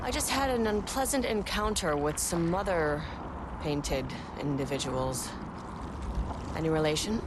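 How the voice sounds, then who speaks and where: A woman's voice: low-pitched, a little slow, very noisy. An actress playing a composed, businesslike female federal agent in a video game, with formal, procedural wording in the face of danger. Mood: probing, dry.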